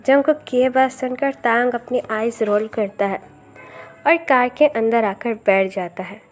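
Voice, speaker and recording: Brief: female storyteller, slightly high voice, steady read-aloud narration, faint music underneath. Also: a little slow. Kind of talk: reading a fan story aloud.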